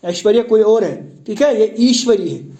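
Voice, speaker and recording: A male teacher lectures a class in a high, lively voice. He keeps asking students questions and repeats the key words back to them. He defines terms as he goes and slips in English words. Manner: explains word meanings, mixing in English terms. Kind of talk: classroom lecture explaining a text.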